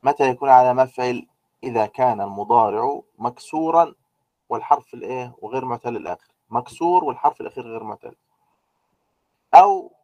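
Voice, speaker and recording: Male teacher, mellow tone, dry close sound, patient step-by-step explainer. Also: medium pitch, dry recording, highs cut off. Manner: explains step by step, with many "aah" fillers and rhetorical questions. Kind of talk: grammar lecture.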